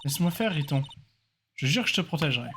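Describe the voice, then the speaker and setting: A man's voice: a little high, animated, fast, fairly bright tone, a little hiss or hum. A man voicing a doting woman who sweetly threatens others, reading her video game lines aloud in near his own voice. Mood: sugary menace. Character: sweet-talking woman, doting girlfriend with a menacing edge.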